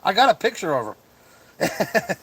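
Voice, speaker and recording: A middle-aged man hosting a casual livestream chat as a comedian, rambling with lots of fillers and quick chuckles. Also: sits high, very animated, a bit bright, breathy edge. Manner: chuckling, full of fillers and restarts.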